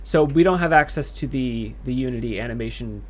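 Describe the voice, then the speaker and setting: A man's voice: medium pitch, fairly quick, slight background noise. Man explaining game development thoughtfully. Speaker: game developer answering questions. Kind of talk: livestream Q&A.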